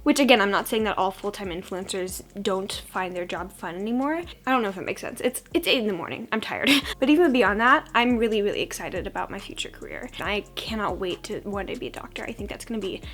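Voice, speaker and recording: A woman's voice: mid-range voice, a little fast, fairly bright tone, faint music behind. A young woman with a froggy, under-the-weather voice, chatting casually and self-deprecatingly as a beauty vlogger doing a get-ready-with-me. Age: young adult. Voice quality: froggy, congested sick voice. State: sick with a cold-like hoarseness.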